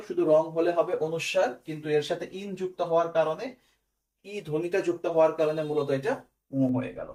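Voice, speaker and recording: A man's voice: a little high, warm tone. A young man, teaching an exam-prep class online and explaining step by step while checking that his students follow.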